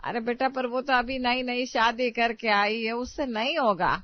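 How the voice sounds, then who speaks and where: A woman's voice: on the high side, measured pace, no echo, dull audio, natural voice. A woman voicing a stern but hurt middle-aged mother-in-law who pleads and defends herself. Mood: pleading.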